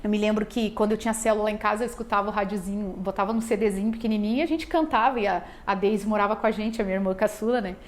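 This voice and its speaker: A woman's voice: medium pitch, steady tone, racing, hardly any pauses. A woman with a southern Brazilian accent from Rio Grande do Sul, nervously telling a heartfelt church testimony in a rambling way, full of fillers and restarts. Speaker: church member giving testimony. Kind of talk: emotional personal church testimony.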